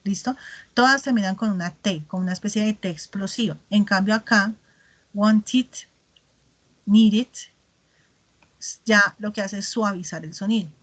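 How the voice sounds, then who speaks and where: Woman, English teacher, video-call class, patient and explanatory, mid-pitched voice. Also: fairly bright tone. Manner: patient, explanatory, modeling English words slowly.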